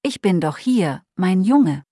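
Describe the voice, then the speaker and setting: A woman's voice: fairly low pitch, big pitch swings, slow pace, breathy edge, no echo, studio quality, full character voice. A woman voicing a remorseful, lonely old man in a Christmas storybook, speaking with sad regret. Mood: hopeful. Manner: sad, regretful, softly pleading.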